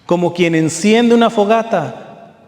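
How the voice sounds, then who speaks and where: A man preaching a sermon to a seated audience, earnest, with slow, deliberate readings and rising emphasis. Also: sits high, darkish tone, in a large hall.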